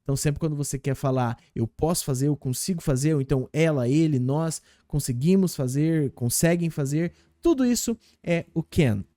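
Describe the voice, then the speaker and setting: A Brazilian man teaching English in Portuguese, repeating example phrases slowly and patiently. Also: a little high, expressive, warm tone, no room sound, studio quality. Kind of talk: language lesson explaining game clips.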